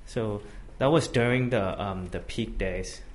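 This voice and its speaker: A man from Thailand, a company head, talking casually in an interview, full of fillers and restarts. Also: fairly low pitch. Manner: halting, many fillers and restarts. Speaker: guest, tech company CEO. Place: office space.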